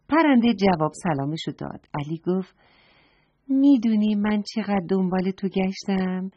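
Husky-voiced woman reading a children's story. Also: mid-range voice, no room sound. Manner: gentle, addresses children directly. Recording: dull lo-fi recording.

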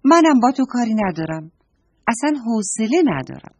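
Petulant storybook little girl, voiced by a woman; high, husky, whiny. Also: sing-song, darkish tone, dry recording. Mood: sulky. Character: stubborn, sulky little girl.

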